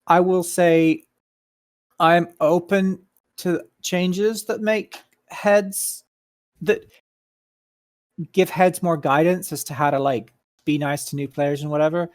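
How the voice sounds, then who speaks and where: A man talking in a slightly high voice over a computer mic, unhurried and explanatory, pausing on ums as he lays out his views in a casual voice chat. The sound is dry and close. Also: steady tone, dry recording. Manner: measured, explanatory, frequent ums. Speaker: staff member at a community meeting.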